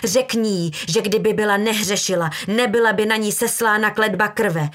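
Fanatical religious mother, put on by a woman, loud, declaiming, domineering, storybook. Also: medium pitch, steady tone, lightly acted. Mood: preaching.

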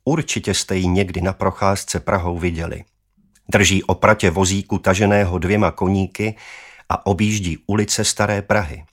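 A man narrating a children's story in a measured, expressive way. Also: deep voice. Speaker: audiobook narrator.

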